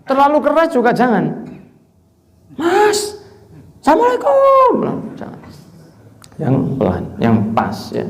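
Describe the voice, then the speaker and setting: A man preaching a religious study sermon, explaining verses word by word with lively asides. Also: medium pitch, vocal fry. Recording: roomy, dull lo-fi recording.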